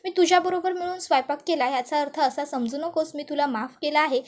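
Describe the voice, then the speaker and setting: A woman's voice: sits high, fairly quick, natural voice. A woman voicing a stern middle-aged mother-in-law who scolds and gives orders. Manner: scolding, commanding.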